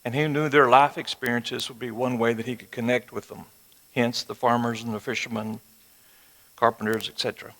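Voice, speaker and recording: A man's voice: mid-range voice, level tone, fairly quick, fairly bright tone. A man in his sixties with a West Texas twang, teaching a Bible lesson to an audience in a folksy, conversational way with rhetorical check-in questions. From West Texas, United States. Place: large room or auditorium with a live audience. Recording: reverberant hall, amplified speech.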